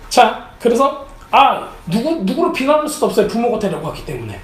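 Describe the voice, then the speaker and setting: A man preaching a sermon as pastor, animated, often acting out the lines of the people in his story. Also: very high-pitched, normal speed, echoey room, poor audio. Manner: animated, acts out quotes of characters. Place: church sanctuary.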